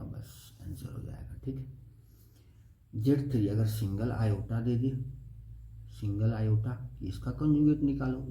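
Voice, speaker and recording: A man's voice: on the low side, mellow. A young man teaching a math lesson step by step, often checking "okay?" with the class. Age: young adult. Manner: explains step by step, keeps asking "okay?". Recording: echoey room with faint noise.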